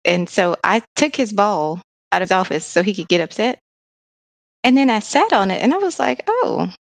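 A woman's voice: mid-range voice, animated, normal speed, dry recording. A woman co-hosting a casual podcast chat, telling a laid-back anecdote. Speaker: co-host, physician.

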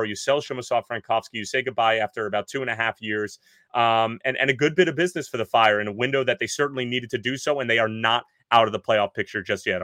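A man talks sport at a brisk clip from inside a clothes closet, his voice sitting in a middle pitch for a man. The clothes around him soak up the sound, so it comes across dry and close, with no bounce from the walls. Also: dry recording. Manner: quick, energetic sports analysis. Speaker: podcast co-host. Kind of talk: casual sports podcast chat.

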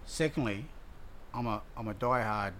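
A man's voice: lowish voice, normal speed, fairly bright tone, a little hiss or hum. A man with an Australian accent hosting a casual sports interview in an informal, chatty way. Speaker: interviewer, host.

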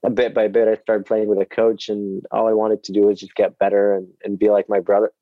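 An Egyptian professional athlete in his twenties guests on a podcast, answering casually and warmly, often laughing and repeating words. His lowish voice is flat and fairly quick, and the remote audio is dry and dull with no room sound.

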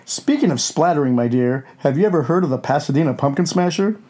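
A man's voice: fairly high pitch, expressive, fast talker, mellow. A man playing a gleefully crude wolfman who hosts a campy horror show with hammy, scripted storytelling. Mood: gleeful, ghoulish.

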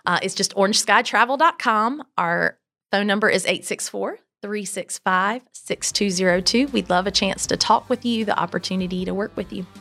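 A woman speaks conversationally as an interview guest. Her voice sits in the middle range, and she tells stories informally, with animated emphasis. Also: medium pitch, normal speed. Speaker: podcast guest, travel business owner.

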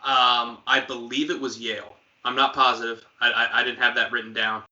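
Podcast co-host, man, very bright tone, dull lo-fi sound, casual sports banter. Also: mid-range voice, level tone. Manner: quizzing, joking, quick asides.

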